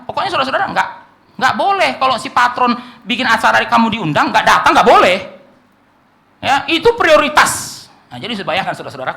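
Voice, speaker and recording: A man preaching a sermon with an Indonesian accent, swinging from hushed asides to shouts and often addressing the congregation. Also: sits high, vocal fry. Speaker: pastor.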